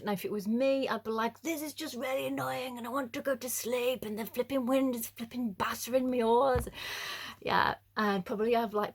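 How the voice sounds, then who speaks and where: A young woman speaks to a youth group in a relaxed, chatty way. She jokes at her own expense and fills her talk with ums and likes. Her voice sits a little low for a woman. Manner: chatty, jokey and self-deprecating, with frequent fillers. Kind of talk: casual youth devotional talk.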